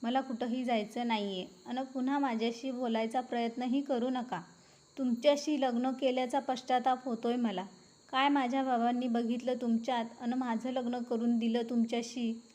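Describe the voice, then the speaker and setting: A woman's voice: on the high side, flat delivery, moderate pace, darkish tone, lightly acted. A woman voicing a resentful young wife who speaks in a scornful, reproachful way. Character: resentful young wife, bitter and sharp-tongued.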